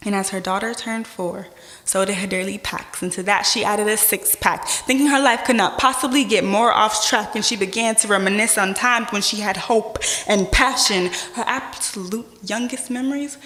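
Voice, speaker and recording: A woman's voice: medium pitch, a bit bright. Echoey spoken word poetry from a woman. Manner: dramatic rhythmic delivery with deliberate pauses and swells. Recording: echoey hall with long reverb.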